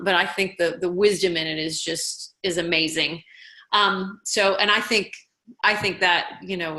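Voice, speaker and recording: A woman's voice: mid-range voice, bright, forceful tone. A woman in her forties giving an earnest, encouraging webinar talk to other military spouses. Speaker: webinar presenter. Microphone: computer mic for a webinar. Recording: echoey room.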